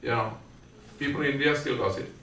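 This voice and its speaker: Guyanese male preacher, slow and deliberate, tense bright tone, far-off mic in a roomy space. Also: mid-range voice. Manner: slow storytelling with questions to the audience. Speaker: satsang speaker. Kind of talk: devotional sermon. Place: indoor family prayer gathering. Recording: echoey room, distant mic, faint background.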